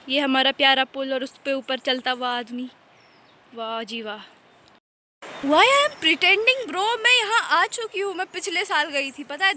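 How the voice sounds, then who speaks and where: A woman's voice: high voice, pushed and bright. A young woman vlogging while walking a mountain trail, chatty and self-mocking, tired from the climb, talking into a handheld phone. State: tired from hiking. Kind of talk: casual hiking vlog. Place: mountain trail outdoors by a river. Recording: faint background noise of a river.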